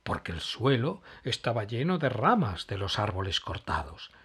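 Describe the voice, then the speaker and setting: A man reading a children's story aloud, expressive and dramatic. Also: lowish voice, normal speed, slightly rough.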